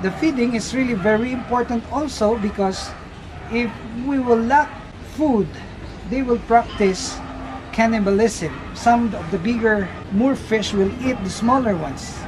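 A man's voice: very high voice, a little slow, background noise. A middle-aged man from the Philippines, explaining fish breeding to viewers in a casual vlog at an outdoor fish farm. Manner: explanatory, addresses viewers as guys. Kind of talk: casual walk-through vlog narration.

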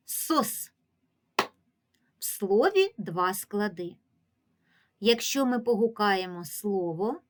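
A woman teaching a phonics lesson to small children, sounding out syllables and stretching vowels slowly. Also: medium pitch. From Ukraine. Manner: stretches syllables and sounds out, calls words aloud. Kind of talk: slow, deliberate phonics lesson for young children.

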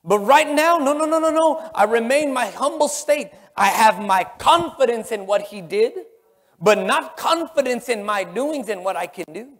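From the stage of a large church sanctuary, a middle-aged pastor preaches a sermon in a very high, animated voice at a moderate pace. He is emphatic and repetitive, swinging from loud exclamations to hushed murmurs. The sanctuary adds a long hall reverb.

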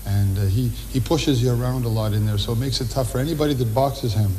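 A man in his thirties with a Canadian accent, a boxer giving a casual interview with frequent hesitant pauses. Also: medium pitch, dark tone, low-quality recording. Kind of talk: casual pre-fight interview. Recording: clear background noise.

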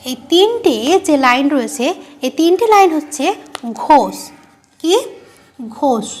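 Woman, teacher, high-pitched, patient, repeats and quizzes. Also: lively intonation, moderate pace. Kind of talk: online grammar lesson.

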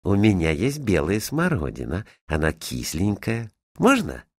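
A man voicing a fussy, scolding middle-aged lady at her summer house, with a shrill, exclaiming manner. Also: huge pitch swings, measured pace, slightly rough, dry recording, clean studio sound, exaggerated voice. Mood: fawning.

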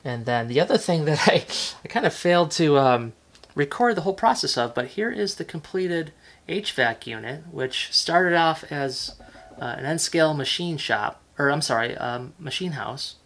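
A man casually talking through a hands-on model-building tutorial at his workbench, relaxed and chatty with lots of fillers. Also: on the high side, normal speed. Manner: relaxed and chatty, many fillers, self-correcting. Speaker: model railroad hobbyist host. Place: workbench indoors, off camera.

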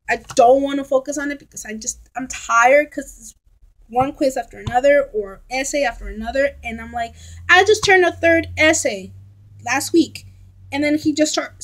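A woman's voice: high voice, a bit bright, low-quality recording. A woman of thirty in a casual rambling vlog, talking frankly and chattily into a laptop webcam at home. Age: 30s. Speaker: vlogger. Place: bedroom at home, indoors. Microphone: laptop webcam at close range.

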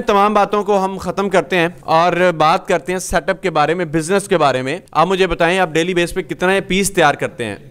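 A man from Pakistan with a fairly high, smooth, clear voice hosts an interview inside a small workshop. He talks into a handheld mic and explains each machine in turn, laying out costs and profits. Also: fairly bright tone. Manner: explanatory, walks through machines. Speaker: host. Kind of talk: business interview and walkthrough.

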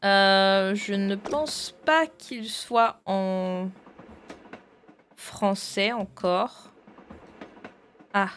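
A woman's voice: mid-range voice, drawn-out words, pauses often, a bit bright, slight background noise. Chatty French woman live-streaming. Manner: chatty, thinks aloud while fiddling with games, greets chat viewers. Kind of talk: casual live-stream chat.

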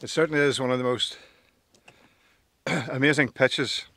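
A man's voice: mid-range voice, steady tone, moderate pace, bright, forceful tone. A man in his fifties chatting to a handheld camera on a windy mountain summit, laughing often and joking at his own expense. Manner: chatty, laughs often, self-deprecating jokes. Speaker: outdoor vlogger. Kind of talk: casual vlog to camera. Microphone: phone camera held at arm's length.

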